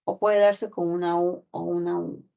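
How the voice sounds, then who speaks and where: A woman's voice: lowish voice, little pitch movement, normal speed, vocal fry, warm tone. A woman teacher giving a class lecture, explaining step by step and checking in with constant tag questions. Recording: dull lo-fi recording.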